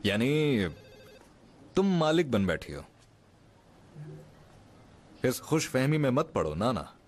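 A man's voice: mid-range voice, big pitch swings, takes it slowly. An actor dubbing a wealthy young businessman in a drama. He teases playfully but turns curt when he gives orders. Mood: teasing. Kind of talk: dubbed drama acting.

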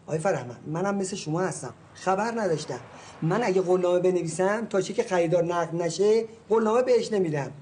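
Male actor as a high-voiced, blustering middle-aged property agent, placating then menacing. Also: darkish tone, a little hiss or hum, close to an everyday voice. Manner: soothing, then blustering and threatening. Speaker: real estate agent.

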